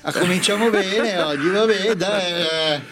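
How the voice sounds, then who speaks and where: A man's voice: high-pitched, unhurried, music in the background. A man co-hosting a radio show, teasing and cracking jokes, sometimes stumbling over his words. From Lombardy, Italy. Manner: teasing, wisecracking, stammering sidekick. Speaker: radio co-host. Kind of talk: joking studio banter.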